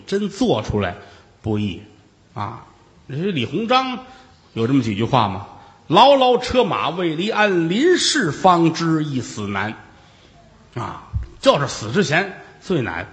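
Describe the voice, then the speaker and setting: A man's voice: mid-range voice, fairly bright tone. A male storyteller narrating a traditional tale in a colloquial, theatrical way with asides to his listeners, recorded with reverb.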